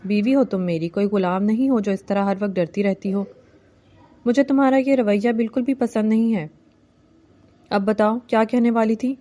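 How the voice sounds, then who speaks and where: A woman's voice: mid-range voice, warm tone, natural voice. A woman voicing a domineering young male village landlord in a novel reading, commanding and teasing.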